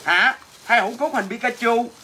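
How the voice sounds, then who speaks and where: Selling goods on a casual livestream, this woman speaks with a Southern Vietnamese accent and answers viewer comments with crude, brash teasing. Her voice sits a little high, pushed and bright, at a normal speed, over slight background noise.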